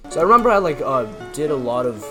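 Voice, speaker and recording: This young YouTuber from Canada talks fast over his gameplay and background music, his slightly high voice bright and forceful with big swings in pitch. He rambles, leans on fillers, and keeps putting himself down.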